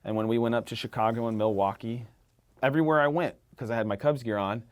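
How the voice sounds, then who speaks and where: A man chatting as a podcast guest, a rambling, animated storyteller who swears casually. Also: mid-range voice, quick pace. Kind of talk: casual conversation.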